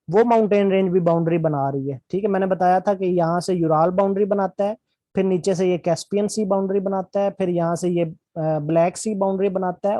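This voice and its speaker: A man teaching a geography lesson, explaining slowly and repeating key points while checking the class follows. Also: high voice, warm tone, no room sound. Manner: explains slowly with constant check-ins and repetition. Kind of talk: classroom lecture.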